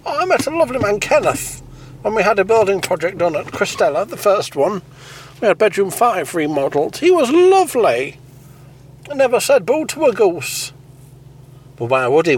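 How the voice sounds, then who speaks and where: A man voicing a prim, fussy, gushing man with a fluty high voice. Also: slight background noise, low-quality recording.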